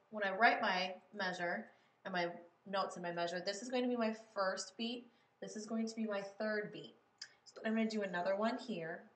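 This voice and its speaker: A woman's voice: medium pitch, fairly bright tone, roomy sound. A woman music teacher explaining step by step in a patient classroom manner. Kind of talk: classroom lesson on writing melodies.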